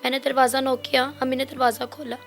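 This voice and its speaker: A woman's voice: high-pitched, little pitch movement, very fast, soft background music. A young woman, the victim's sister, giving an eyewitness account in a matter-of-fact way.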